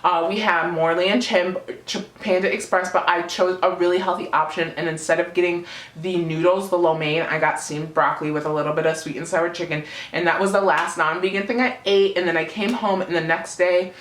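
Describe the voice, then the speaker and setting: A woman's voice: fairly low pitch, fairly even intonation, fairly quick. A young woman rambling through a casual, slangy storytime in a giggly, drunk manner. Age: young adult. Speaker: vlogger telling a personal story. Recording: roomy, echoey room sound.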